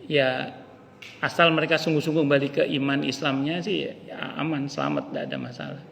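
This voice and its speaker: Brisk and expressive, a male ustaz with a slightly high, gravelly, fairly bright voice delivers a casual sermon to a mosque study circle. He tells stories in colloquial speech, voicing the quoted lines, and the recording has hall reverb and faint hiss.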